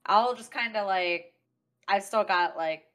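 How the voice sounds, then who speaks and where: A woman's voice: medium pitch, unhurried, a bit bright. A woman talking casually as a player in a tabletop game, slipping in and out of character. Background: faint music.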